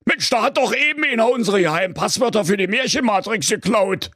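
A man voicing a panicked fairy-tale brother who shouts in alarm in a radio comedy story. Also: high voice, expressive, a little fast, no echo, clean studio sound, voice pushed up, heavily acted. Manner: frantic, shouting.

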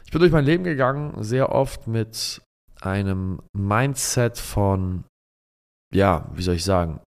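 A man's voice: lowish voice, lively intonation, measured pace, clear, resonant tone. A man speaking reflectively in a personal storytelling podcast, often searching for words and repeating himself.

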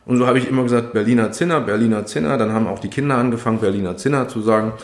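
A man co-hosting a podcast, talking casually in an interview, with hesitant pauses and fillers. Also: mid-range voice. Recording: roomy echo.

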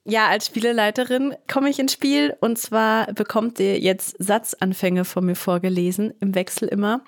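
A woman leading a quick sentence game on a podcast, playful and upbeat. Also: medium pitch, fairly even intonation.

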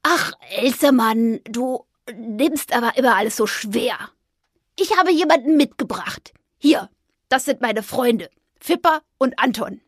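A woman voicing a friendly, chatty male squirrel in a children's story, talking in a lively, helpful way. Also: fairly high pitch, takes it slowly, husky, no echo, clean studio sound. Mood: reassuring.

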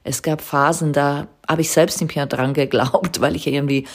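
Husky low Swiss German woman. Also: fairly even intonation, moderate pace. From Switzerland. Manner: earnest, storytelling, self-correcting with fillers. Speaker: podcast host. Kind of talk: reflective monologue.

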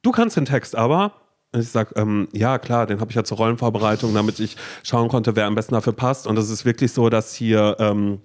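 A man's voice: fairly low pitch, flat delivery, fairly quick, hardly any pauses, darkish tone. A man co-hosting a podcast in casual chat, spinning long rambling hypothetical stories. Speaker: podcast co-host.

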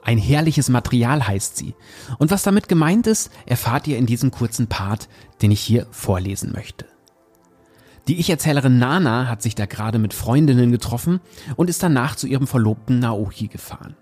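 Husky-voiced man presenting a book. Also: mid-range voice, expressive, normal speed, darkish tone, soft background music. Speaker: podcast host reviewing books. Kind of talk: book review and story reading.

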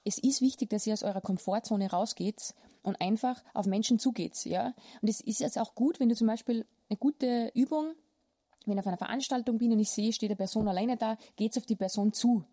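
Blunt young austrian woman chatting, swears a lot, low warm voice, quick. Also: no echo, studio quality. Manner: blunt, rambling, swears freely. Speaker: podcast host. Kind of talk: casual chat.

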